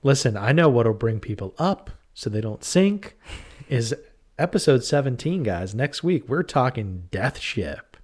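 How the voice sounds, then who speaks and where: A man's voice: medium pitch, sing-song, measured pace, a little mellow, breathy edge. A man co-hosting a horror podcast, chatting casually and joking around. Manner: playful, joking. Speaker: podcast co-host. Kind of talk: casual chat.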